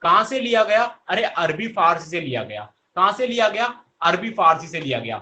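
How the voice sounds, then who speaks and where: Male teacher, high bright voice, slow delivery, drills the class with repeated questions. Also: sing-song. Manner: answers his own questions. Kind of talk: online class lesson.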